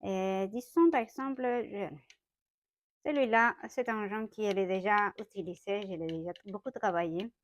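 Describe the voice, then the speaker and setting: A young Mexican woman, speaking French as a second language with a Mexican Spanish accent, gives a casual, chatty watercolor tutorial from her home studio. She often corrects herself and laughs lightly, talking at a moderate pace in a medium-pitched voice.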